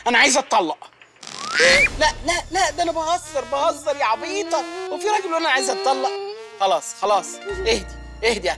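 A man's voice: extremely high pitch, big pitch swings, quick pace, over loud music, full character voice. An actor with an Egyptian accent playing a sheepish, jobless husband who pleads with and teases his wife in a comedy film. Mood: nervous. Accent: Egyptian Arabic. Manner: pleading, then teasing and mocking. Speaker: husband out of work. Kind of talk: comic film acting.

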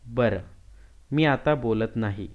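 A man's voice: mid-range voice, slow pace, phone-quality sound, natural voice. A man voicing a stern but loving village mother who scolds firmly and evenly.

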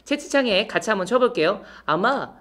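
A man's voice: high voice, lively intonation, fairly quick, bright, forceful tone. A man teaching an online magic class, cracking teasing jokes and checking in step by step. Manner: playful, teasing jokes then "just kidding"; step-by-step instructing, checks in often. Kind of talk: online magic lesson for youth.

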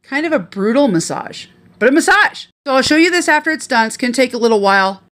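Speaking fast in a high-pitched voice, a middle-aged Midwestern woman who used to cook professionally narrates a home cooking video. She records on a phone held close in her kitchen, staying chatty, animated, and full of instruction.

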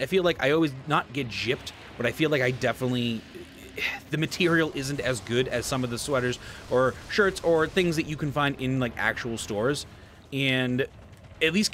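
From a desk in his home, a thirty-something man streams a game with loose, rambling commentary and a slightly stuffy nose. His voice is mid-range with a fairly bright tone, and there's a little hiss or hum on the recording.

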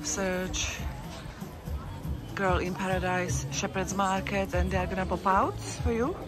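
A woman vlogs while strolling through an outdoor city market, chatting casually, rambling, correcting herself and laughing often. Her medium-pitched voice is fairly even and a little slow, set against loud music, traffic and street bustle.

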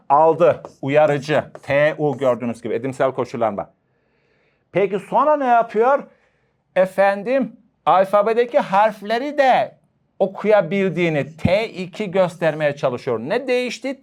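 A man teaching an exam-prep lecture, asking and answering his own questions with jokey asides. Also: on the high side.

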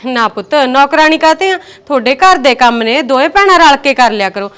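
An actress playing a gentle, patient village mother-in-law who soothes and placates her daughters-in-law. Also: high voice, lively intonation, fairly quick.

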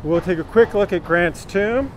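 This high-voiced man in his thirties sounds animated as he chats through a live-streamed walking tour at a normal speed. He greets viewers by name on a city street, filming on a phone held at arm's length, and traffic is audible.

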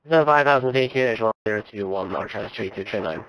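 A man speaking as a pilot, giving brisk, clipped readbacks to air traffic control over the radio. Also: lowish voice, a bit bright, clear, resonant tone, no echo. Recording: dull lo-fi radio audio.

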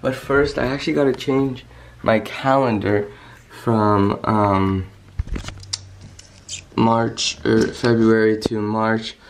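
A man's voice: fairly low pitch, fairly even intonation, slow pace, gravelly, pauses often, slight background noise. A young man chats casually to his vlog camera, rambling and hesitant with lots of "like", sounding slightly under the weather with a cold. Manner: rambling, hesitant, peppers talk with "like". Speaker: vlogger. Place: small bedroom at home, indoors. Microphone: handheld camera at arm's length.

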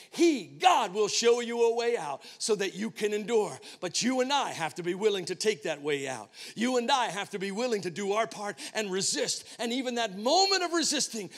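A male pastor preaching a sermon, telling a personal story with dramatic swings between hushed and emphatic delivery. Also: extremely high pitch, long reverb tail. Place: church sanctuary.

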